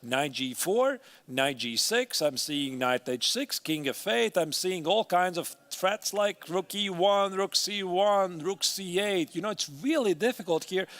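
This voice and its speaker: High-pitched man analysing chess live. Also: lively intonation, a little slow, hardly any pauses, fairly bright tone. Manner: thinks aloud through moves, conversational.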